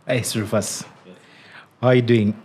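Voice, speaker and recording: A man speaking as a guest trading educator on a podcast, thoughtful and halting, with many "you know"s. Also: medium pitch, little pitch movement, a little mellow, a little hiss or hum. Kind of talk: casual podcast interview.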